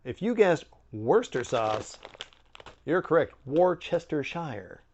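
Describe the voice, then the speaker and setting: Animated man reviewing snacks, slightly muffled sound. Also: a little high, a little slow, slight background noise. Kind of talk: casual chatty review to camera.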